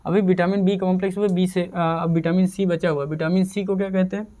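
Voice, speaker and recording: Smooth-voiced male teacher drilling terms. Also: high-pitched, level tone, fast talker, mellow. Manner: repetitive drilling, asks and answers own questions. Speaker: chemistry teacher. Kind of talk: casual exam-prep lecture.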